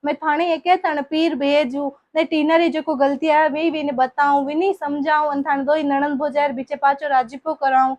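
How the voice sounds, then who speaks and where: A woman with a Marwari accent playing a middle-aged mother-in-law who speaks slowly and drawn out. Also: sits high, level tone, darkish tone, natural voice. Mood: remorseful. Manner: slow, scolding then soothing. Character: doting, defensive middle-aged mother-in-law, later remorseful.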